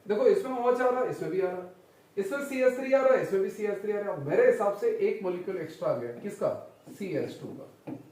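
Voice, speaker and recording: An expressive man with a high-sitting, darkish voice talks fairly quickly through a chemistry class lecture, posing repeated questions and calling students "children" and "son." The recording is distant and off-mic, with lots of echo.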